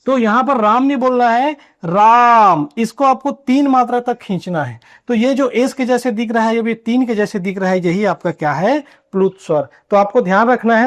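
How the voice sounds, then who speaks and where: A man teaching a grammar lesson at a board, asking questions and answering them himself, and drawing out key terms slowly. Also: high-pitched. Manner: asks and answers his own questions. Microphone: writing on a board while teaching.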